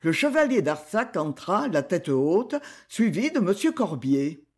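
Lively high-pitched male audiobook reader. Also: a little slow, slightly rough. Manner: expressive reading, voicing characters with quoted dialogue. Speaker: audiobook narrator. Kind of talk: scripted narration.

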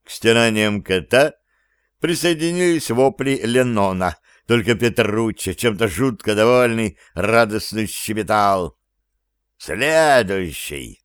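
Slow, smooth male audiobook narrator. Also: lowish voice, no echo, studio quality.

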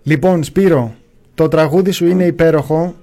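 Brief: male radio host, higher pitch, mellow tone, playful banter. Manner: playful, laughs easily while hosting. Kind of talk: casual radio talk show.

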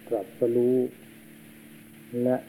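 A man, a monk, giving a slow and solemn sermon, heard on an old worn tape. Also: dark tone, a little hiss or hum, poor audio. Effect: old worn tape recording.

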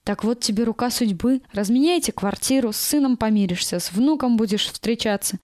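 A woman's voice: fairly high pitch, animated, brisk, a little mellow, no echo, clean studio sound, close to an everyday voice. Woman voicing a coaxing, chiding older kindergarten staffer. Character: older female kindergarten staffer, kindly but scolding.

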